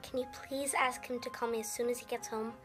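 A woman's voice: a little high, level tone, fairly quick, music in the background, close to an everyday voice. A young actress playing an eager teenage girl with a crush, pleading and insistent. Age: teens. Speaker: Tina.

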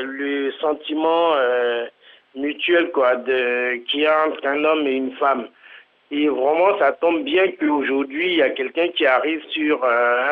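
A man from Côte d'Ivoire calling into a live TV talk show, hesitant and full of fillers. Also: mid-range voice. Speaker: caller. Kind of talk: phone call to a live TV show. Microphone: telephone. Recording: tinny phone line.

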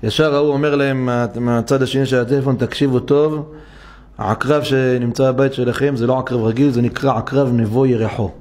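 A man's voice: medium pitch, fairly even intonation, a little mellow. A man preaching as a rabbi in a synagogue, telling a story and acting out each character's voice with animation. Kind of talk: sermon storytelling.

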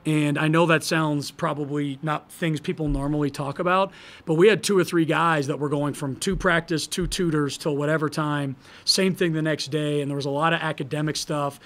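Thirties man, head coach at a press table; higher-pitched voice, candid, thinks out loud with fillers and restarts. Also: fairly even intonation, moderate pace. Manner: gestures broadly while talking. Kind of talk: post-game press conference answers. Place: press room in front of a logo backdrop. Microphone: table microphone.

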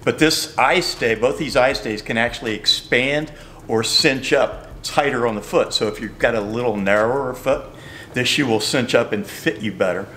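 A man's voice: mid-range voice, normal speed, a bit bright, a little hiss or hum. An older man, a shoe company representative, patiently explaining product features in a store. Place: bowling shoe store, indoors.

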